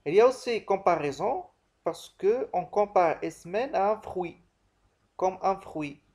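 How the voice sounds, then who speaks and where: A man with a slightly high voice gives a literature lesson. He explains in a didactic manner, posing questions and answering them himself. He often repeats key phrases to make them clear. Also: expressive, a little slow, a little mellow. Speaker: literature teacher.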